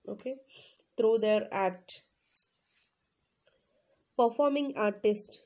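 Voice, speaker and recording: A woman teacher who has a cold explains a lesson to her class, reading first and then explaining, with lots of fillers and checking questions. Her mid-range voice is warm, but the audio quality is poor.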